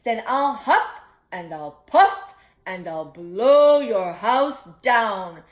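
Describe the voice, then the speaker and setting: A woman voicing a boastful, hungry male wolf in a storybook, with drawn-out, menacing threats. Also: a little high, animated. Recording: echoey room.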